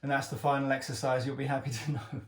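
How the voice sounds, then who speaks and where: A man's voice: medium pitch, little pitch movement, very fast, roomy sound, recorded from a distance. A man working as a personal trainer, talking viewers through an ab workout while exercising himself, encouraging and joking, short of breath between sets.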